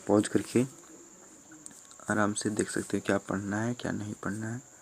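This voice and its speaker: A man from Jharkhand, a teacher, going through a school syllabus in a steady listing manner with fillers. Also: fairly low pitch, moderate pace, gravelly, slight background noise. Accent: Jharkhand Hindi. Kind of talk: explaining a syllabus.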